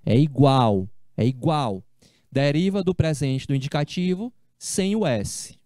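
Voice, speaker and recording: A man teaching a language class, explaining slowly and repeating each step, with casual friendly asides to his students. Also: on the high side, mellow, no echo, studio quality. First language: Portuguese. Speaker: Spanish teacher. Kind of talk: online class lecture.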